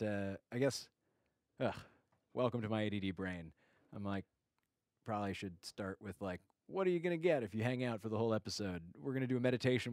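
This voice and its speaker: This livestream host is a man whose voice sits on the low side, captured at studio quality without echo. He chats casually, warmly calling out viewers by name, and his talk wanders with lots of fillers and false starts.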